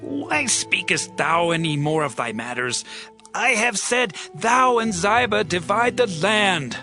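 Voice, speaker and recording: A commanding king of ancient Israel, played by a male actor, declaims in a high voice with a gravelly edge. He is stern yet magnanimous, speaking archaic scripture over a music bed. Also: very animated, slow pace, sharp tone, heavily acted. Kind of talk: dramatized Bible audiobook acting.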